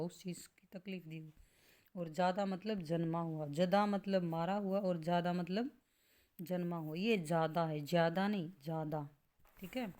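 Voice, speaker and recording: A woman leads a grammar lesson, going through word lists item by item. Her voice sits a little low, and she speaks very slowly and deliberately, coughing now and then. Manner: slow, listing words one by one with explanations. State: coughing at times. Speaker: Hindi grammar teacher. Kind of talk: slow classroom-style grammar lesson.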